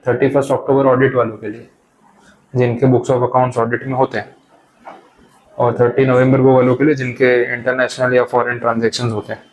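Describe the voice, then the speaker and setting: A man's voice: mid-range voice, level tone, brisk, slight background noise, rough recording. Man explaining step by step in class. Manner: explains step by step in mixed Hindi and English. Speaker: tax lecturer. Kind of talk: classroom lecture.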